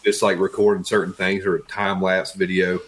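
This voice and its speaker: Low-voiced Appalachian man, folksy and casual. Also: little pitch movement, a little fast. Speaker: interview guest, wood flooring tradesman. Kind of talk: casual interview chat.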